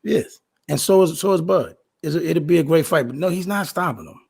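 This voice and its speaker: A man's voice: fairly high pitch, lively intonation, brisk, vocal fry, a little mellow, husky. A man in his late forties arguing sports in a casual debate, emphatic and often repeating himself. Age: 40s. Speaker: co-host.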